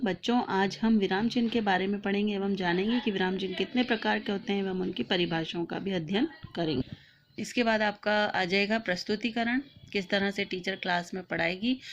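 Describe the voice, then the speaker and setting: A woman dictating a lesson plan point by point in a steady, methodical way, as a teacher trainer. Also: mid-range voice, muffled recording.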